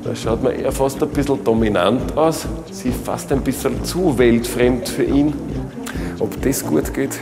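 A man's voice: mid-range voice, a little slow, vocal fry. A man hosting a travel documentary, teasing and theatrical as he presents and narrates. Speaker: documentary host. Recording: background music.

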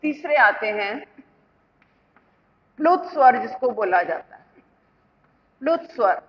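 A woman's voice: on the high side, animated, takes it slowly. A woman teacher explaining a lesson step by step, asking the class questions and answering them herself. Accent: Indian Hindi. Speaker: school teacher. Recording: muffled lo-fi with long reverb.

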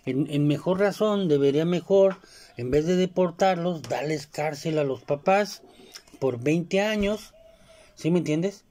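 A man's voice: fairly high pitch, measured pace, warm tone. A man with a Mexican Spanish accent, talking casually in a rambling monologue full of fillers and asides. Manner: rambling, filler-heavy, keeps asking "you know?". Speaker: commentator.

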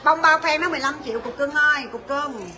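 High, bright saleswoman. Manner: rapid, coaxing sales patter calling out prices. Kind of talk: livestream sales pitch.

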